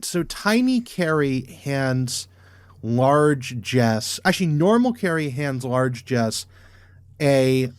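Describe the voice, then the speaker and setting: A man on a podcast, gushing about scenes he loves and tripping over his own starts. His voice sits at a middle pitch and comes through dry and close, with no room sound. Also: no echo. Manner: enthusiastic, stammering restarts. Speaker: podcast co-host. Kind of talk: casual chat.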